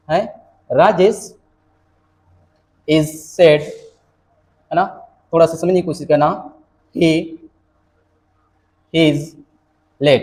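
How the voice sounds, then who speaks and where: A man's voice: sits high, darkish tone. A man teaching an exam-prep grammar lecture, mixing Hindi with English terms and often asking "है ना" to check understanding. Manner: explanatory, repeats "है ना" and rhetorical questions.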